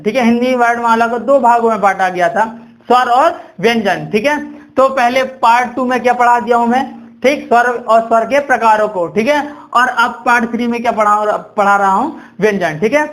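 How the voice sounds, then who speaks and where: A young man teaching a grammar lesson. He keeps asking questions and answering them himself, repeats key words, and slows to dictate while he writes. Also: extremely high pitch, fairly bright tone. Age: young adult. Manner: drawn-out dictation while writing.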